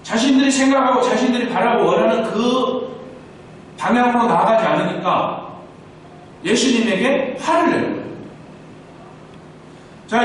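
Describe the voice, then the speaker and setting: A man's voice: sits high, slight background noise. A man preaching a sermon as pastor, asking questions and answering them himself. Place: church sanctuary. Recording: echoey church hall, mic far off.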